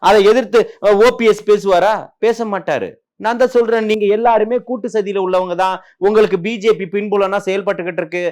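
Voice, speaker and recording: Man, high-pitched, combative, rhetorical questions, political interview guest. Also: steady tone, fairly quick, darkish tone.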